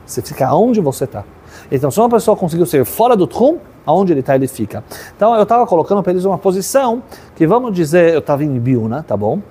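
Animated religious teacher. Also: male voice, fairly high pitch, fast, breathy edge. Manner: animated, often checks in with listeners. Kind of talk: storytelling sermon.

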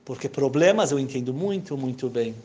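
A kindly old man with a low, soft, unhurried voice, calm and sure of himself, as a storyteller puts him on. The tone drops well below the teller's own, settling into an easy, grandfatherly murmur. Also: a little hiss or hum, natural voice. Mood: soothing.

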